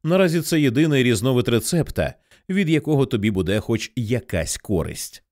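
A man reading an audiobook, voicing a domineering town boss who speaks gently and coaxingly. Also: medium pitch, lively intonation, fairly quick, dry recording, studio quality, lightly acted. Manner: gently coaxing yet controlling. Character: Big Jim, smooth domineering older town boss.

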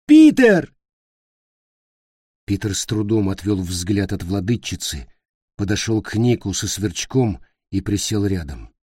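A man narrating an audiobook in a measured, dramatic storytelling manner. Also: deep voice, darkish tone, slightly rough, no echo, clean studio sound. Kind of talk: scripted narration.

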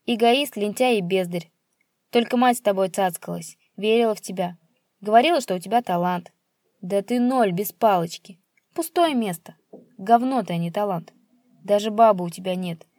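A woman's voice: measured pace, warm tone, husky, no room sound, clean studio sound. A woman voicing a spiteful old male pensioner who screeches and jeers at his son. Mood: abusive. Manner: shrill, screeching, jeering.

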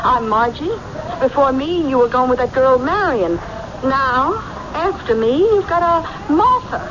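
A woman's voice: high-pitched, expressive, unhurried. A woman acting a hurt, suspicious and sarcastic wife in an emotional, accusing old-time radio drama style. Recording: muffled, noisy old radio recording.

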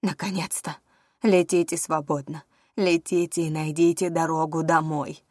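A woman voicing an eerie old seer who speaks slow, hushed and prophetic. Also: deep voice, little pitch movement, no echo, clean studio sound. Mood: ominous.

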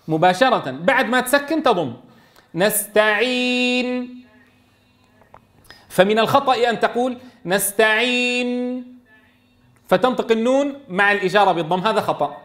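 Man, Quran recitation teacher, high-pitched, quizzes the class, slow modeled recitation. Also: animated, fairly bright tone. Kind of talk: classroom lesson on recitation rules.

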